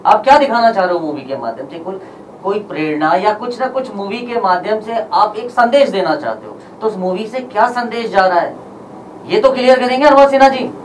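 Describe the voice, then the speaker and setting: A man speaking forcefully at a press conference, firing rhetorical questions. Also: high-pitched, lively intonation, moderate pace, far from the mic, a little hiss or hum, rough recording.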